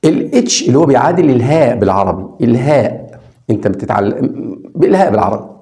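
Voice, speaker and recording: A male Egyptian Arabic speaker teaching English from scratch, with a mellow, gravelly tone. His pitch rises and falls a great deal as he poses questions and answers them himself. He repeats letter sounds slowly so learners can follow. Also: expressive. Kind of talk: online lesson for beginners.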